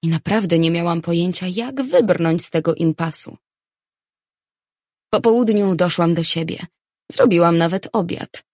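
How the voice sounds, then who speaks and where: A woman reads a novel aloud in the first person, with a measured, even delivery. Her voice sits low for a woman. The recording is dry and close, with no reverb at all. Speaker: audiobook narrator. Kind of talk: first-person audiobook narration.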